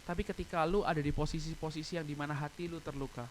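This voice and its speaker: A man's voice: a little high, fairly even intonation, fast, slight background noise, rough recording. A young man preaching a casual, personal youth sermon at an online church service, speaking in slang, slipping in English phrases and growing tearful at times. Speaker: youth pastor.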